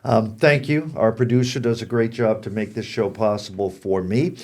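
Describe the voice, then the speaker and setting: A man's voice: on the low side, fairly even intonation, normal speed, a little mellow. An American man in his sixties hosting a pet show, speaking conversationally and addressing the audience directly. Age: 60s. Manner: frank, direct address to viewers.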